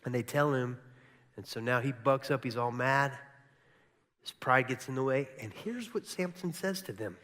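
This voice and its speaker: A middle-aged man preaches from the stage of a large church, his voice ringing with long reverb through the hall. He tells the story with animation, slipping into the voices of the people in it, at a medium pitch. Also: normal speed. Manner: animated, acts out quoted characters. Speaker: teaching pastor. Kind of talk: sermon, storytelling.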